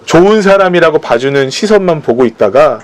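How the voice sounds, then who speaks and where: A man's voice: a little high, expressive, brisk. A man preaching a sermon at a church service, telling personal stories and acting out the voices of the people in them. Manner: storytelling, acting out quoted voices. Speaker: pastor.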